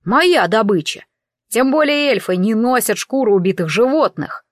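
A woman's voice: a little high, lively intonation, moderate pace, dry recording, clean studio sound, close to an everyday voice. A woman reading an audiobook, voicing a grumpy, scruffy young male werewolf who mutters and grumbles. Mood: sulky. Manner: sulky, muttering, gruff.

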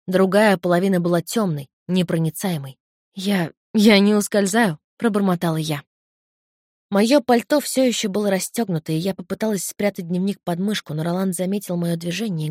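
A woman reading a novel in the first person in a tense, measured way, recorded close to the mic. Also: fairly low pitch, darkish tone, no room sound. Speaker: audiobook narrator. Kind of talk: first-person audiobook narration.

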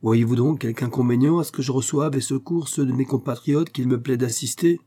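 A man's voice: mid-range voice, a little fast, mellow, voice pushed up, close to an everyday voice. A man voicing a young engineer in an audiobook, firm and holding back anger. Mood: stern. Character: young male engineer, stern and restrained. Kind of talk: audiobook character reading.

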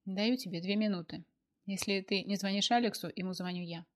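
A woman's voice: medium pitch, steady tone, brisk, natural voice. Cold scheming young woman, blackmailer, hissing, mocking, curt, read by a woman. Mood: cold threat.

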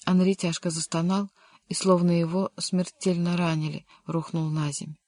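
Flat, dry audiobook narrator. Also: mid-range voice, moderate pace, dry recording. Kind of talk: audiobook reading.

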